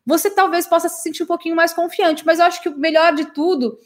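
A woman's voice: extremely high pitch, fairly even intonation, fast. A Brazilian woman teaching English in a live lesson, chatting with viewers and tagging her sentences with friendly questions. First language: Portuguese. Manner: chatty and warm with her audience, many "né?" tags.

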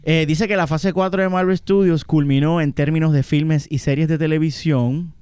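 Puerto Rican male podcast co-host, joking and cursing, with a smooth, resonant voice. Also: a little high, steady tone, moderate pace, darkish tone, no echo, clean studio sound. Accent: Puerto Rican Spanish. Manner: joking, swears, laughs a lot. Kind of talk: casual banter.

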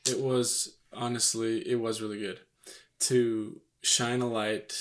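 A young man and expectant father chatting casually on camera in a relaxed, joking way with many fillers, "like" and "you know". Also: on the low side, slow. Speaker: vlog co-host, expectant father. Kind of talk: casual couple chat to camera. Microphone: microphone on camera.

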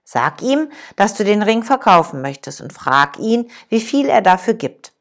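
A woman reading the lines of a wise old male master in a calm, measured way. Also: medium pitch.

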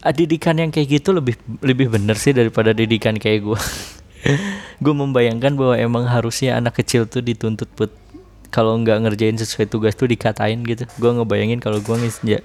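A man's voice: mid-range voice, darkish tone. Rambling young man. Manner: rambling, self-questioning, many restarts and laughs. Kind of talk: casual monologue to viewers.

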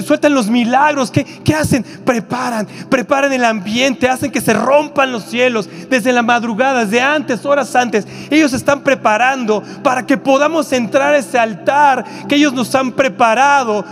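A man with a Mexican accent preaching a sermon in a church auditorium, lively and full of rhetorical questions and asides to the congregation. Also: extremely high pitch, vocal fry. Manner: animated, rhetorical questions, quick asides to the crowd.

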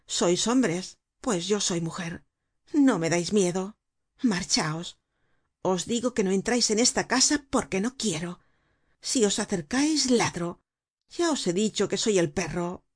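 A woman reading as Eponina, a fierce defiant girl. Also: husky. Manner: firm, low and defiant. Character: fierce ragged young woman defying bandits. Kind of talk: audiobook character reading.

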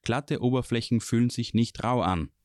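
A man's voice: medium pitch, moderate pace, darkish tone, dry recording, clean studio sound, voice pushed up, close to an everyday voice. A man voicing a young male apprentice mage, anxious and puzzled, in a raised and searching tone for a fantasy audiobook.

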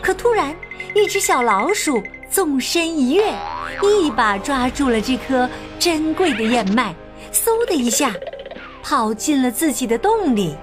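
A woman reading a children's story aloud in an animated way, putting on voices for the characters. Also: high voice, measured pace, music in the background.

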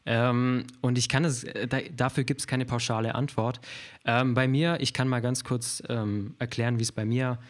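A man from Germany chatting as a guest on a casual podcast, his voice sitting at an ordinary middle pitch. He hesitates often, backing up and restarting his sentences as he explains his work. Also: flat delivery, moderate pace. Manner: hesitant, many fillers and restarts.

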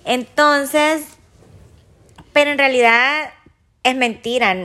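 A middle-aged woman joins her daughter as a guest on the show. Her voice sits a little high, and she talks in an easygoing, reflective way. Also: fairly even intonation, takes it slowly, sharp tone. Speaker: guest, host's mother. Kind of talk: casual chat.

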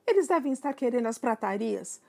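A woman voicing a frantic middle-aged mother who shrieks in a shrill voice. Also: very animated, a little fast, gravelly, darkish tone, exaggerated voice. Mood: nagging.

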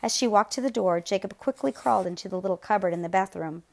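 Woman reading a novel aloud, measured. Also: medium pitch, gravelly, darkish tone. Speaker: audiobook narrator.

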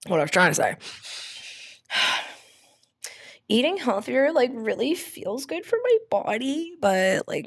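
A woman's voice: medium pitch, slightly rough. A young woman rambling emotionally to camera at home, swearing freely and talking to herself. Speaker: vlogger. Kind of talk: rambling casual self-talk to camera. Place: at home, lying on the floor.

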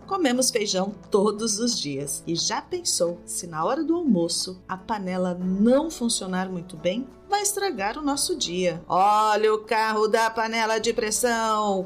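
A woman with a Brazilian accent hosting a teaching podcast, addressing the learner directly. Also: medium pitch. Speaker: podcast host and language teacher.

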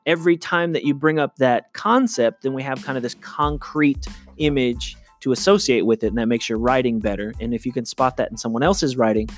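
A male high school English teacher giving a relaxed recorded review lecture, acting out quoted lines now and then. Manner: conversational, acts out quoted lines.

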